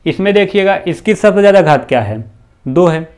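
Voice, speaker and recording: A male math teacher giving a slow, repetitive classroom lesson, posing questions to the students and answering them himself. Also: high voice, lively intonation, a little mellow. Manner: often adds "bhaiya" and "theek hai na".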